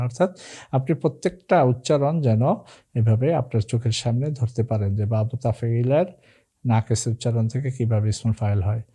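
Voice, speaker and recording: Mellow-voiced man teaching Arabic grammar. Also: medium pitch. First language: Bengali. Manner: chants word forms in slow drawn-out recitation, then explains plainly. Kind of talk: recorded grammar lesson.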